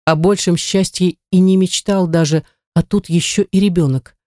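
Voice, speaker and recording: An audiobook reader telling a first-person story in a measured, wry way, into a close mic. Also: mid-range voice, fairly even intonation, darkish tone, dry recording.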